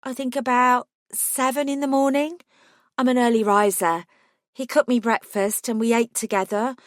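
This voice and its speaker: A gentle young cafe worker with a faint London accent talks softly and earnestly, voiced by a woman reader. Her voice rides noticeably higher than the narration. The recording is dry and close. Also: steady tone, moderate pace, no echo, lightly acted. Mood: candid.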